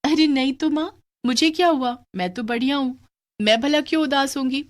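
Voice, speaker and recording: Casting: woman as a high, sweet, earnest young girl for a cartoon story. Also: moderate pace, lightly acted. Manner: earnest, bright, childlike. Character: poor, gentle young girl.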